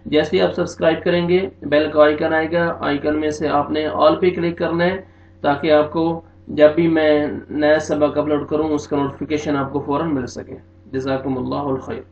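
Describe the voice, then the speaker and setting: A man with an Urdu-speaking accent teaching Quran recitation, slowly drawing out verses and then explaining the rules in plain speech. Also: on the high side, flat delivery, a little mellow. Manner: slow drawn-out recitation between plain spoken explanations. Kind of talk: tajweed recitation lesson. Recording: echoey, dull lo-fi sound.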